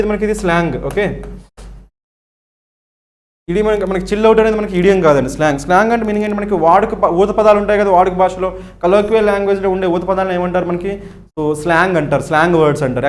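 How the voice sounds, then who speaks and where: A young man with a Telugu accent, teaching an exam-prep lesson. He asks the class questions and answers them himself, and ends many lines with "right?". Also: high voice.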